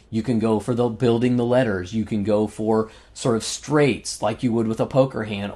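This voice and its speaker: A man's voice: medium pitch, a little mellow. A man co-hosting a casual podcast, running through game details with lots of fillers and frequent laughs, saying he is losing his voice. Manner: enthusiastic, laughs often, lists game facts with fillers. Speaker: podcast co-host reviewing board games. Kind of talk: casual chat.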